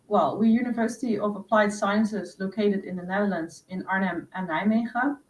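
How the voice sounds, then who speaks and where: A woman hosting a webinar for prospective students, explaining step by step with frequent fillers over a video call. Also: medium pitch. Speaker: host. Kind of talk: webinar presentation. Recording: roomy distant mic with faint noise.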